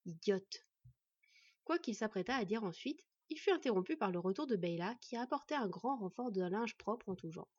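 A woman calmly narrating a fantasy audiobook. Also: fairly high pitch, fairly quick, few pauses, breathy edge, no echo, dull audio.

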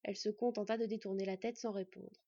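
A woman calmly narrating an audiobook in a steady reading voice, on a dull lo-fi recording. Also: medium pitch, quick pace, slightly rough, no echo.

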